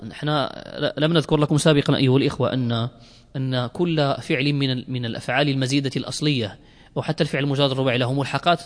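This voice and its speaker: A man teaching a class, explaining verses line by line, questioning his students and drilling examples. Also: a little high. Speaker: teacher of Arabic morphology. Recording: long hall reverb.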